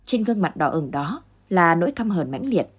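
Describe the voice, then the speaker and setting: A woman narrates a ghost story in a low, husky voice. Her reading is steady and dramatic. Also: moderate pace.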